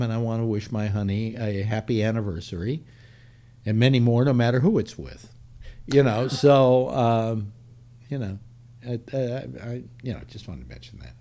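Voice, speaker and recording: A man's voice: medium pitch, warm tone. An older man hosting a casual panel chat, rambling, repeating himself and cracking dry jokes. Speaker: host.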